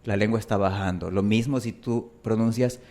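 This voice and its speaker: A man's voice: lowish voice, steady tone, moderate pace, a little mellow. A man teaching Spanish pronunciation, a native speaker who enunciates carefully and draws out his example vowels. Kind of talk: pronunciation lesson.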